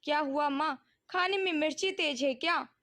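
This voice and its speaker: A soft, soothing voice of a patient middle-aged man caring for his mother, as a woman reading the story puts him on. He speaks tenderly and calmly, in a high register, as part of a storybook reading. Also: normal speed. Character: gentle middle-aged son and husband, patient.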